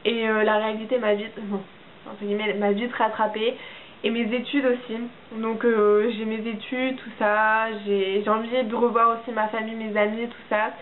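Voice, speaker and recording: A young woman from France talks through her monthly update in a casual, halting way, full of fillers and restarts. Her voice sits fairly high. The sound is thin and phone-like, with a faint hiss underneath. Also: flat delivery. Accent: French. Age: young adult. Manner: hesitant, many fillers and restarts. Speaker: au pair.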